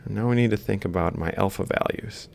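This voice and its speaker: Fast-talking, with vocal fry and a slightly mellow quality, a man lectures informally on robotics. He sketches while working an example, thinking aloud step by step and correcting himself. The recording carries faint background noise and a low rumble.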